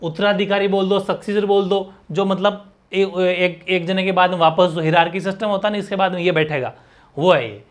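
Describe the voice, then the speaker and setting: A man's voice: high voice, steady tone, brisk. A man teaching an exam-prep grammar lesson, who keeps asking rhetorical questions and repeating letter sounds aloud.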